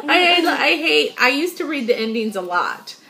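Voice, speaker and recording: A woman's voice: high-pitched, sing-song, normal speed, vocal fry, bright, forceful tone. A middle-aged woman hosting a casual chat about books, talking frankly and emphatically, often laughing. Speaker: host.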